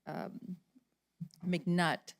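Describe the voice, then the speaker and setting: A woman's voice: on the low side, fairly even intonation, drawn-out words. A woman chairing a county commission meeting who asks staff direct questions.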